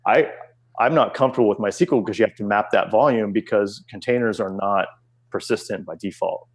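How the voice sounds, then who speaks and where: Low-voiced man explaining casually. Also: fairly quick, husky. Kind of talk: casual technical chat.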